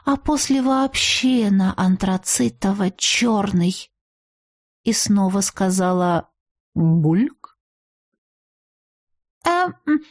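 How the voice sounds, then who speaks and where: A woman reading a first-person audiobook aloud, lively and expressive, with playful irony. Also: a little high. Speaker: audiobook reader.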